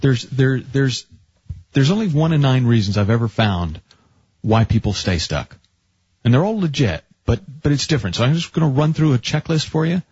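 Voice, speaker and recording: In a radio studio, a man hosts a call-in advice show, speaking in a chatty, coaching way and often restarting his sentences. His mid-range voice is a little mellow with a breathy edge, lively intonation and a normal pace. The recording is dry and muffled.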